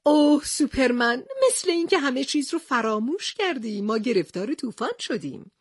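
A woman's voice: high-pitched, expressive, slightly rough, dry recording, studio quality, pitched above the performer's own voice. A woman voicing a young male reporter hero in a storybook, earnest and plaintive.

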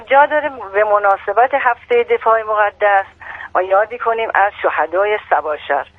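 A woman's voice: medium pitch, no room sound, phone-quality sound. A woman calling in over the phone to report on local events. Her sound is dry, with no room around it. She halts often, restarting phrases and filling gaps with "uh". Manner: halting, with restarts and fillers.

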